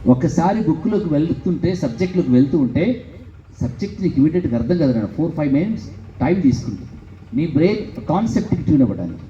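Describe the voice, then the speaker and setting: A man's voice: sits high, muffled recording, slight background noise. A man giving a motivational speech to students in a school hall, telling stories with lots of repetition. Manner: animated storytelling, repeats phrases. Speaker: motivational speaker.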